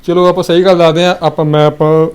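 A man's voice: on the high side, little pitch movement, fast, darkish tone, clean tone. A man, a charity volunteer, reassuring a family in casual devout chat and repeating comforting blessings.

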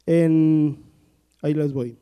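A pastor preaches with a high, mellow voice, breaking into little acted-out scenes as he retells the stories. His words ring through a large hall with a long reverb. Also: steady tone, slow, clear, resonant tone. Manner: storytelling preacher acting out Bible dialogue. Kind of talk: sermon. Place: church hall.

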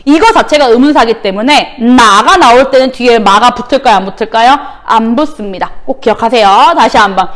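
A woman teacher, a native Korean speaker, gives a recorded Chinese lesson to middle schoolers, and her voice sits a little high. She keeps calling for another repetition and stretches the Chinese phrases out slowly so each tone is plain. She sounds patient and methodical. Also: fairly bright tone. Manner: drills words with repeated call-and-response prompts; slow, exaggerated pronunciation of Chinese words. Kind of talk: recorded online language lesson.

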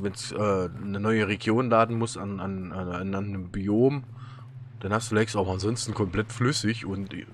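With a German accent and a voice on the low side, a gaming YouTuber chats loosely over a let's-play, telling stories with lots of fillers and laughs. A little hiss or hum is audible.

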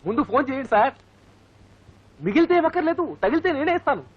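A fast-talking marriage broker. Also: male voice, very high-pitched, sing-song. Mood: wheedling. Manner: fast-talking, wheedling salesman patter. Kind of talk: comic film acting. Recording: slightly muffled film audio.

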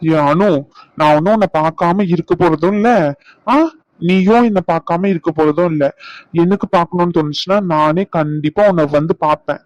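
A man's voice: fairly high pitch, fairly even intonation, a little fast, no echo, dull audio, close to an everyday voice. A man voicing a teasing, bossy young husband in a cartoon, scolding in banter. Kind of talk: cartoon voice acting.

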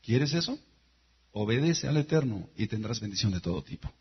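A man preaching a sermon forcefully, dropping to low intense tones and rising to loud exhortation, with a husky voice. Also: lively intonation, normal speed, muffled recording. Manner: forceful preaching, swings from low intense murmurs to shouted praise.

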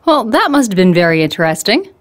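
A woman speaking as a smooth radio host, introducing guests and taking calls in a comedic call-in sketch. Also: mid-range voice, big pitch swings, fast.

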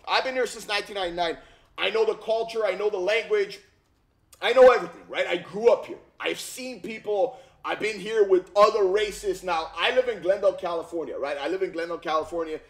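Fight news gets a casual, slangy rundown from an Armenian-born YouTube commentator in his thirties, recording on a headset mic in his home gaming room. His high voice moves fairly quickly, and he's animated and repetitive, leaning constantly on "bro" and "okay?".

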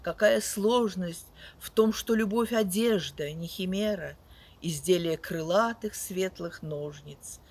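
An older woman reciting verse outdoors in a dramatic declamatory style, measured and expressive, swelling on key words and letting line endings fall. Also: lowish voice, husky. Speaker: poet reciting another poet's verse. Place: outdoors in a leafy garden beside a wooden house and on wooded paths.

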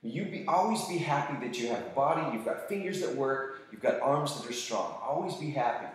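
This man teaches students with a relaxed, energetic pep talk on fitness, speaking at medium pitch and a fairly quick pace. Lively and animated, he performs different voices for quotes, all in a heavily echoing room.

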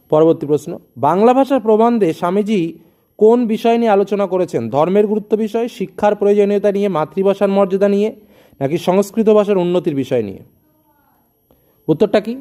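A male tutor from West Bengal, India, speaks directly to students, reading exam questions with their options and then giving the answers. His voice is high-pitched and warm.

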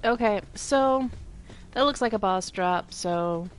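Woman streamer, relaxed and playful gaming chat, mid pitch, headset mic with faint hiss. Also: slow. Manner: easygoing, chatty, playful. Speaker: streamer playing a video game. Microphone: headset microphone.

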